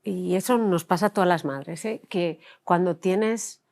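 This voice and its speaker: A woman's voice: lowish voice, unhurried, vocal fry, darkish tone. A woman with a Mexican accent, interviewing a guest with probing, empathetic questions. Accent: Mexican Spanish.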